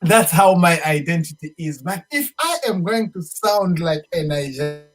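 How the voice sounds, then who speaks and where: Lively intonation and a moderate pace mark the high-leaning voice of a Zambian musician being interviewed casually as a show guest. He keeps emphatically restating what he means and mixes in local expressions.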